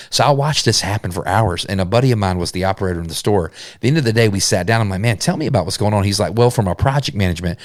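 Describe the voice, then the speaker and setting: Earnest low-voiced man giving business advice. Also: dry recording, studio quality. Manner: earnest, conversational, with self-corrections. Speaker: podcast host. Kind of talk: solo business talk.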